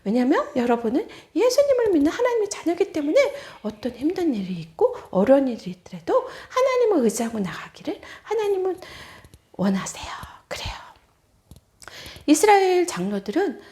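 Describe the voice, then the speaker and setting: A woman's voice: sits high, very animated, normal speed, dark tone. A woman evangelist giving a children's sermon, telling the story with animation and asking the children questions.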